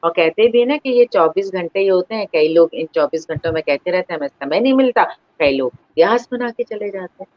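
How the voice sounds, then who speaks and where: A woman's voice: on the low side, lively intonation, fairly quick, few pauses, dry recording, lo-fi sound. A woman hosting an online interview, formal and encouraging, often stopping to praise her guest. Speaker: interview host.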